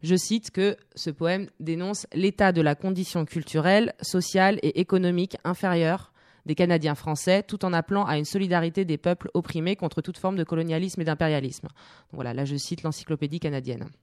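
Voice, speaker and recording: A radio host speaking from a studio in a relaxed, unscripted way. The delivery is halting and full of pauses, restarts and filler sounds. The pitch sits in a middle range. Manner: hesitant, many fillers and restarts. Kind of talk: casual radio presentation.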